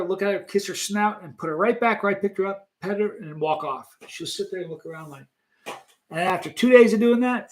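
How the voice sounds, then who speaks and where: A man in his late fifties, the host of a live stream, chatting casually and reading viewer comments, animated and laughing often. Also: high voice. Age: 50s.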